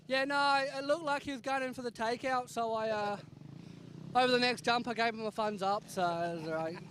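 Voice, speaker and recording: Male racer, very high pitch, casual post-race interview, faint trackside noise behind. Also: a little fast, a bit bright. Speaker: motocross racer being interviewed. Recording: clear trackside engine and ambient noise.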